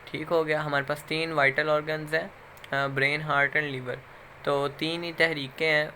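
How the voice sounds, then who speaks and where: A Pakistani-accented man gives a lecture in a fairly high, bright, forceful voice. He explains step by step, pauses on fillers and keeps checking in with his students. Faint hiss sits under the recording. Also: flat delivery. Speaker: instructor.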